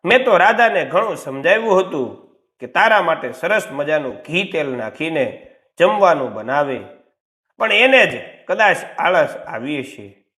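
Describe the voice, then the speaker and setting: A man's voice: on the high side, very animated, unhurried, exaggerated voice. A man voicing a sly, scheming older mother-in-law who scolds her new daughter-in-law in a storybook tale. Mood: sweet-talking. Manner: sugary toward her son, sharp toward the bride.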